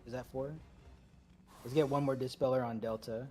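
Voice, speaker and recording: A man leading a game raid, calling out instructions briskly, repeating commands and slipping in joking asides. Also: mid-range voice, steady tone, a little mellow, faint music behind. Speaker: raid leader. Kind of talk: calling instructions over voice chat while gaming.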